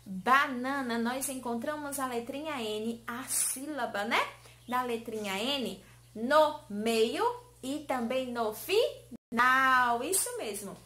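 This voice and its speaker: High, bright sing-song woman teacher. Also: lively intonation. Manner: sing-song, stretches key words slowly, coaxing questions. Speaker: teacher of young children. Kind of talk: online lesson for small children. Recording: roomy echo.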